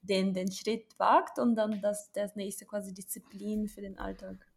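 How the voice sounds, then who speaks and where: Gravelly-voiced curious woman interviewer. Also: medium pitch, flat delivery, measured pace. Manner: curious, friendly, hesitant with fillers. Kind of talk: casual podcast interview questions.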